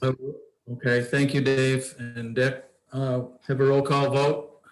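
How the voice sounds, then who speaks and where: A man chairing a board meeting in a formal, measured, procedural way. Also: mid-range voice, level tone. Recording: echoey room sound.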